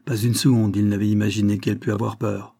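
A man narrating a suspense story as an audiobook reading, measured and suspenseful. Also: lowish voice, little pitch movement, creaky, mellow.

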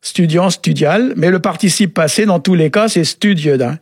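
A man explaining word meanings on a radio show in a relaxed, halting way, often pausing with filler sounds. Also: high voice, breathy edge, no room sound, studio quality. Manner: halting, often adds "hein" and "euh". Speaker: Breton language expert on a radio show.

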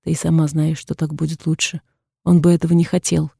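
A woman's voice: sits low, flat delivery, a little fast, creaky, mellow, husky, no echo, clean studio sound, exaggerated voice. A woman voicing a stern, tired older father in an audiobook, speaking in a weary, commanding way.

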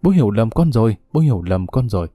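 A man's voice: lowish voice, sing-song, fast talker, husky, no echo, phone-quality sound, faint music behind. A man voicing a distraught teenage schoolgirl who speaks in a choked, pleading way, in a dramatic audiobook.

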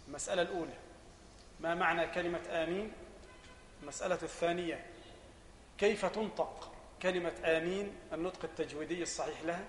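A sheikh with an Egyptian accent teaches Islamic jurisprudence, posing questions and answering them himself, and building to loud, emphatic passages. His voice is high-pitched. The sound is roomy, like a big room, with slight background noise.

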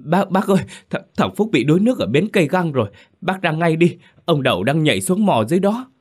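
Casting: man playing a sobbing, frantic village boy, high strained voice. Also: very animated, a little fast, husky. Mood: panicked, crying. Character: terrified village boy, crying.

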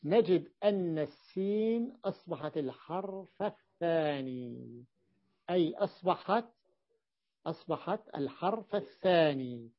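A man teaching a grammar lesson in a classroom, repeating words slowly and checking that his students follow. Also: high voice. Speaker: teacher of Arabic morphology. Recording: dull lo-fi recording.

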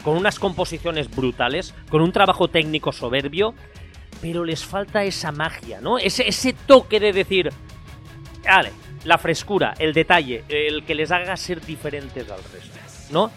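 A man with a Spain Spanish accent hosts a casual music podcast, building his points slowly and repeating phrases as he thinks. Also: on the high side, expressive, a bit bright. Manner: thoughtful, repeats phrases while building an argument. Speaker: podcast host.

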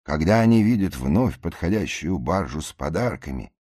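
A man reads a satirical fairy tale as an audiobook, his low voice jumping high whenever he acts out the people in it. The recording is dry and close, with no room sound. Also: lively intonation, normal speed, no echo. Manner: acts out the shouting passengers and officer with much higher voices. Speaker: narrator.

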